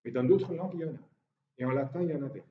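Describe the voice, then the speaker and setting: A man's voice: fairly high pitch, very fast, slight background noise. Man lecturing in an echoey hall. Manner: explanatory, with hesitations. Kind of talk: university lecture. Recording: roomy, distant, dull lecture-hall recording.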